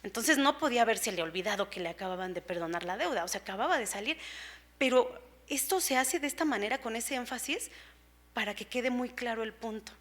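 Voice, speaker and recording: An earnest woman preacher, her voice a little high, walks a congregation through scripture in a church sermon. She explains patiently, asks rhetorical questions and pads her speech with conversational fillers. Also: fairly quick, fairly bright tone.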